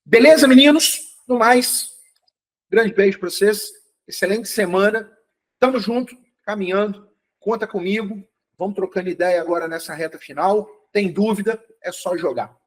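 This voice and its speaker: A man's voice: sits high, normal speed, rough recording. A man teaching an online chemistry review live, upbeat and encouraging, checking often that students follow. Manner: calls out to students by name, checks understanding often.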